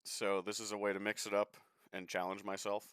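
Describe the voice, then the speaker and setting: A young man rambles through his sim racing stream in a loose, joking way, swearing without a second thought. His voice is on the low side but bright and forceful, and it comes through clean and crisp in a dry, close recording. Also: flat delivery, a little fast, no room sound. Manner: chatty, swears freely, offhand and joking. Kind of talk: casual live-stream commentary while racing.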